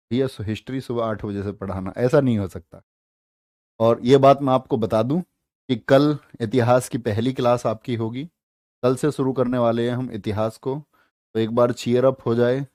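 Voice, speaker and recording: A man's voice: mid-range voice, darkish tone, no room sound, clean studio sound. A man teaching an exam-prep lesson, asking his students questions and then answering them himself. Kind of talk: animated classroom lecture with memory tricks.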